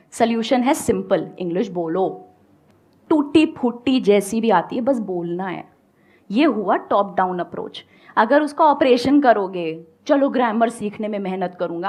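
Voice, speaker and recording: A woman with an Indian accent giving an animated motivational talk on speaking English, mixing Hindi and English. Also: on the high side. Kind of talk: motivational talk with audience questions.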